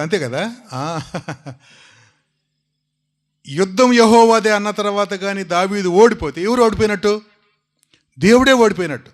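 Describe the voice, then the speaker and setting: A man preaches a sermon, his voice pitched somewhat high. He tells the story with animation, keeps asking his listeners questions and urges them to shout the words back to him.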